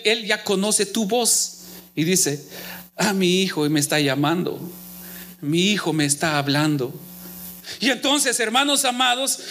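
A man preaching a sermon to his congregation, often halting and repeating words as he addresses them as brothers and sisters. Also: extremely high pitch, bright, forceful tone. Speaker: pastor.

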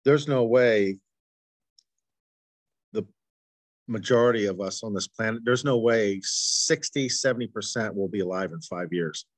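A man hosting his podcast, speaking earnestly and haltingly, with frequent restarts and stutters. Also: lowish voice, no echo. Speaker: podcast host. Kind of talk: conversational interview.

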